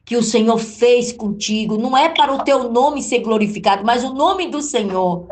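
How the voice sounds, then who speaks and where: A woman's voice: fairly high pitch, normal speed, slight background noise. A woman hosting a religious interview and telling a story of her own, in a preacherly way, addressing others as sister and beloved. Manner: warm preacherly, calls listeners amada and minha irmã. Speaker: interview host and gospel singer.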